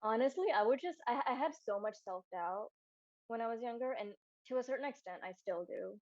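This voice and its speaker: A woman's voice: on the high side, expressive, a little fast, a little mellow, no room sound. A young woman storyboard artist answering interview questions candidly, with many "like" fillers, over a video call. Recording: dull dry sound.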